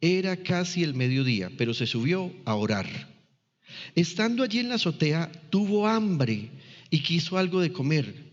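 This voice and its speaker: A man's voice: a little high, big pitch swings, moderate pace. A man preaching a sermon, teaching the congregation and often checking in with them through questions. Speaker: pastor. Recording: long reverb, dull lo-fi church recording.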